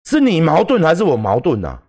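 A man's voice: a little high, wildly swooping pitch, brisk. Profane, combative Taiwanese man ranting. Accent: Taiwanese Mandarin. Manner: combative, profane, shouting at critics. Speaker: livestream host. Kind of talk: heated livestream rant.

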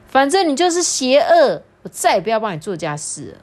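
A woman voicing a cheeky, talkative little schoolboy in a high, whiny, pleading voice for a read-aloud children's story. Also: racing, husky. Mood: indignant.

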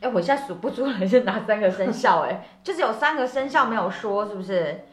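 A woman's voice: mid-range voice, expressive, fairly quick, slight background noise. A woman co-hosting a casual chat, explaining things and laughing along. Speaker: co-host. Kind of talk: casual chat about zodiac fortunes. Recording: echoey room.

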